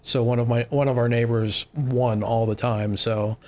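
A man's voice: mid-range voice, steady tone, moderate pace, a little mellow. A man from Maryland who captains a pirate-themed cruise boat, talking in a laid-back way with dry humor and frequent "you know"s in a casual podcast interview.

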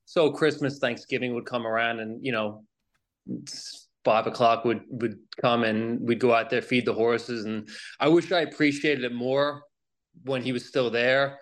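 A man's voice: mid-range voice, steady tone, unhurried. A man from Long Island with a New York accent, a podcast guest chatting casually in a rambling, self-deprecating way.

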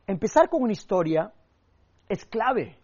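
A young man teaching public speaking, energetic and emphatic, telling stories and acting out what people said. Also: high voice, a little slow, slightly rough, lo-fi sound. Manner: energetic, emphatic, acts out quotes and sound effects. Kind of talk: motivational speaking lesson with stories.

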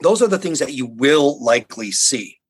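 A man's voice: mid-range voice, lively intonation, normal speed, slightly rough, poor audio. A man, a university scientist, speaking as a guest in an interview, explaining things in an earnest, plain-spoken way. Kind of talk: conversational interview.

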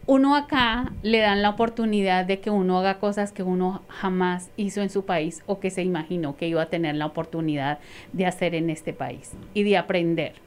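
A woman's voice: on the low side, normal speed, clean tone. A woman hosting a conversational interview, reflective and repeating words for emphasis.

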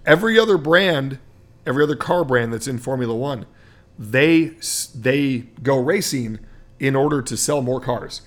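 A man's voice: mid-range voice, lively intonation, moderate pace. A man co-hosting a sports podcast, explaining racing at length in a casual chat, with many fillers. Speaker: podcast co-host.

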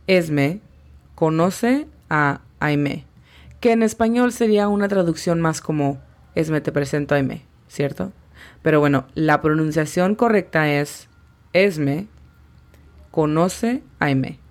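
Slow, low-voiced woman teaching English. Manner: slow, careful spelling-out of English words. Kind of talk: language lesson.

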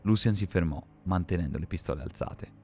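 Deep gravelly male storyteller. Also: mellow, faint music behind. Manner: measured, dramatic reading. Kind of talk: scripted narration.

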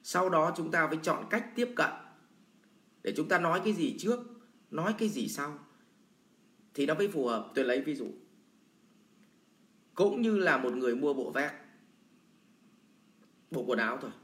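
A man's voice: fairly high pitch, lively intonation, moderate pace, long pauses, fairly bright tone. A man teaching sales in a blunt, colloquial lecture full of everyday examples. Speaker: sales trainer. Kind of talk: lecture answering a viewer question. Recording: roomy echo.

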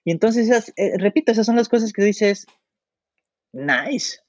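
A man with a Mexican accent, his voice sitting slightly high, talks in a loose, halting way, full of fillers and false starts. He livens up when spinning an anecdote. The recording is dry and somewhat dull, with a lo-fi edge. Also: no room sound. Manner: hesitant, full of fillers and restarts; animated when telling anecdotes. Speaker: podcast guest. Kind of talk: casual storytelling chat.

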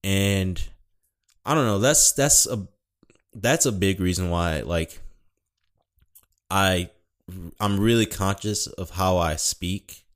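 Man, young adult, very low pitch, casual rambling talk, swears a lot, self-corrects, mild speech impediment. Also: slow, pauses often. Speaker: podcast host.

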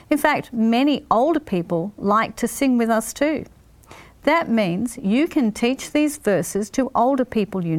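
Woman, children's program host, fairly high voice, simple encouraging delivery, talking to kids. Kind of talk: presenting to children.

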